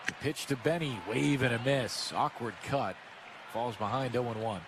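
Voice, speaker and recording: An American sports commentator handles live radio play-by-play of a baseball game from the broadcast booth, his medium-pitched voice at a moderate pace. Crowd noise and ballpark ambience come through clearly.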